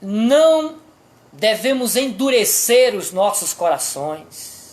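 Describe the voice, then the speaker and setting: A Brazilian-accented pastor delivers a sermon at a slow, deliberate pace. The preaching is emphatic and built on rhetorical questions to the listeners, at a middling pitch. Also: sing-song.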